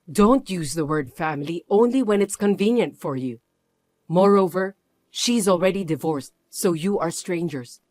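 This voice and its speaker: A firm, protective mother, as a reader plays her, speaking low, cold and quiet with clear contempt. The storybook recording is dry and close. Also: dry recording, lightly acted. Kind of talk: scripted story narration.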